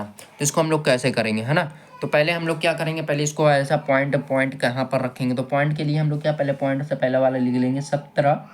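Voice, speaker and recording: A man at a medium pitch teaches maths with patience, repeating every step and asking his class questions as he goes. There is slight background noise.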